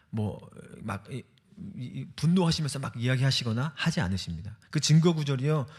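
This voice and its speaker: A man's voice: mid-range voice, breathy edge. A young man preaching a sermon, telling a story with feeling and acting out the quoted speech of the people in it.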